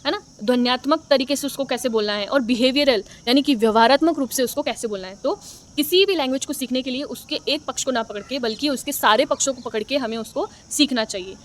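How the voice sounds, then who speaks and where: A woman's voice: high voice, quick pace, a little hiss or hum. A young woman teacher giving an exam-prep lecture, explaining patiently, repeating her points and often checking in with her listeners. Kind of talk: exam-prep lecture in Hindi mixed with English.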